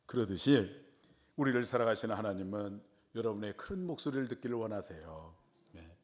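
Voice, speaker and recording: A middle-aged man, a pastor, preaching a sermon. He swells loud on key phrases, drops quiet after them, and asks the congregation rhetorical questions. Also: on the low side, animated, a little fast.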